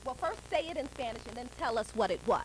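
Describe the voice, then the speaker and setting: A woman from New York hosting a children's show, chatting with kids in a lively, encouraging way and laughing often. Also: fairly high pitch, quick pace, a little hiss or hum, low-quality recording. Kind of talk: casual chat with children.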